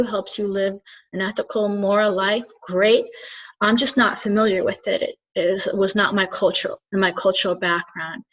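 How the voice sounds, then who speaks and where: This is a reflective monologue to camera from a Turkish spiritual channeler and soul coach, recorded in slightly dull lo-fi. Earnest and halting, she speaks at a medium pitch, frequently restarting as she gropes for words.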